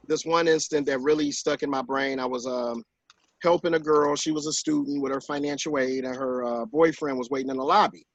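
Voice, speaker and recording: Man in his 40s chatting about his book, slightly high voice, dry close sound, animated storyteller. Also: no echo, dull audio. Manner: animated storyteller who acts out quotes in higher voices. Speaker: author and guest on a talk show. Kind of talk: casual conversation.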